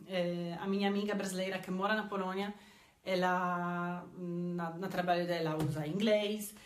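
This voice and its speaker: In an echoey room, a woman's medium-pitched voice comes through with a Polish accent. She's in her thirties, from Poland, teaches languages, and is chatting in a casual phone-filmed vlog from a small indoor room, often saying "eh" and repeating herself.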